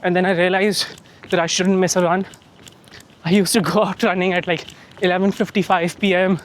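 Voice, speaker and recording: A man's voice: high-pitched, little pitch movement, brisk. A man talking casually to his vlog audience while he runs outdoors, with some wind noise in the recording. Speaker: running vlogger. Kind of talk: casual vlog chat to camera. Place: outdoors on the move.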